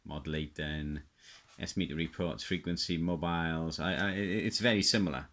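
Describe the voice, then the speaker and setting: A middle-aged hobbyist presenter with a low, slightly bright voice and a steady tone walks through items one by one in off-the-cuff show-and-tell. He halts, pauses to muse, and often repeats his phrases.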